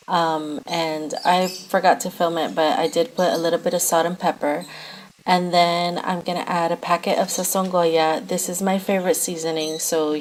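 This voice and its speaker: A young woman giving an informal, conversational recipe voice-over as a home cook. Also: deep voice. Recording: faint background noise.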